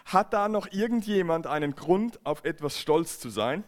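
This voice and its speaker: A man's voice: fairly high pitch, expressive, normal speed. A man preaching a church sermon, earnest and emphatic, often repeating and restarting phrases. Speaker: pastor. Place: church service.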